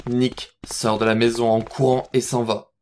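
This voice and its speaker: A man's voice: medium pitch, flat delivery, moderate pace, a little hiss or hum. A man narrating an audio drama from a script, describing scenes.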